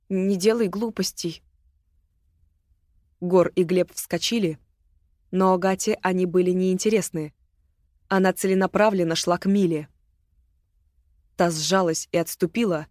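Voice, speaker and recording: Low-voiced woman reading an audiobook. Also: fairly even intonation, moderate pace, long pauses, a little mellow, no echo, studio quality. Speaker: audiobook reader. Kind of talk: scripted narration.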